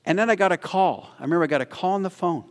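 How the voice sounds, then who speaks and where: A male preacher from Canada giving an animated sermon, often repeating words and growing louder when he urges the listeners. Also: sits high, very fast, in a large hall. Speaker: guest preacher.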